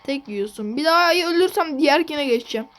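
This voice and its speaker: A woman hosting her gaming channel, commenting on gameplay in an excitable way and repeating phrases over and over. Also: high voice, fast, faint music behind.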